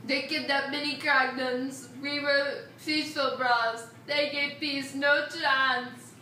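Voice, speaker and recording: Woman putting on a slow, worried old caveman elder. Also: high voice, steady tone, sharp tone, full character voice. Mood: grave, worried. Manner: halting, pleading, surfer-like caveman slang. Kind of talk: reading video game dialogue aloud. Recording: roomy, distant mic, faint noise.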